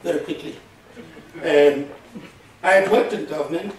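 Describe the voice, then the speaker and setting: A South African man in middle age, a Xhosa speaker, delivers a funeral eulogy in a relaxed storytelling way, chuckling as he goes. His voice sits fairly high for a man. The live stream is heavily echoey and picks him up from a distance, with a faint hiss behind. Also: normal speed. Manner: conversational storytelling, chuckles often, mixes Xhosa phrases into English. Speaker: eulogist, former business partner. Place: large hall at a funeral service.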